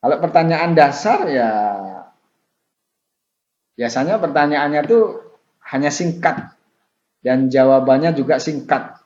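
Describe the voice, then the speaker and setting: A man's voice: a little high, takes it slowly, long pauses. Man tutoring in a roomy, dull recording. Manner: relaxed explaining with many fillers and repetitions. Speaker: university tutor. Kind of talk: online tutorial lecture. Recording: roomy, dull sound with faint noise.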